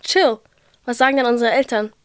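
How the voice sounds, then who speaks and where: A woman's voice: on the high side, fairly quick, no echo, clean studio sound. A seventeen-year-old woman hosting a podcast in casual chat, using youthful slang mixed with English. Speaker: podcast host.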